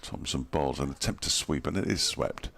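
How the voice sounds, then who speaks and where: A man giving dry, wry ball-by-ball cricket commentary in a relaxed, chatty way. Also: extremely low pitch, normal speed, vocal fry. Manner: dry, wry and chatty, chuckles at his own jokes. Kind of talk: ball-by-ball radio-style commentary.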